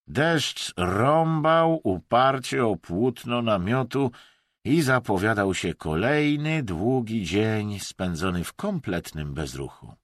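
A man narrating an audiobook in an expressive, measured way. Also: lowish voice, no room sound, studio quality.

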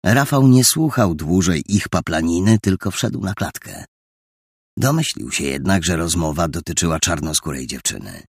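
A man reading a story aloud in an expressive, lively storytelling manner. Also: low-pitched, moderate pace, breathy edge, no room sound, studio quality. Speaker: narrator. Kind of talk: audiobook narration.

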